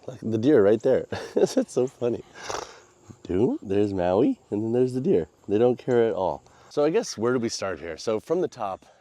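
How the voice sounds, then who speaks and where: This American man's voice is lowish and dark, congested and nasal, with no echo. He's a vlogger in casual chat mode, rambling on in informal slang.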